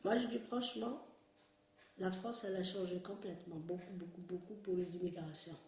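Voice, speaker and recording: A woman's voice: lowish voice, fairly even intonation, normal speed, darkish tone. A middle-aged woman from Algeria, speaking bluntly and emphatically, repeating words for stress. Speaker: interviewee, immigrant mother. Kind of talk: frank opinion in interview. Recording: very echoey room.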